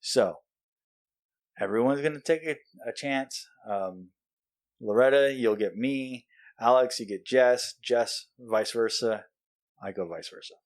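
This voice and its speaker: A man's voice: medium pitch, a little slow. A man hosting a podcast in a casual, playful chat with guests. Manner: playful, joking. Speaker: podcast host.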